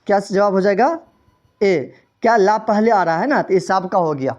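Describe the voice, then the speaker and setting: A man's voice: high voice, a little mellow, lo-fi sound. Man drilling quiz answers. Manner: reads out answer options and repeats each question. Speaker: teacher. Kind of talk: exam-prep quiz lesson.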